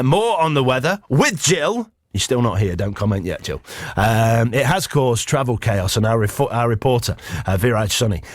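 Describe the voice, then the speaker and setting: A man's voice: mid-range voice, no echo. Informal male radio presenter, dry close sound. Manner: informal, bantering, repeats words as he goes. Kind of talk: casual live radio chat. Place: radio studio.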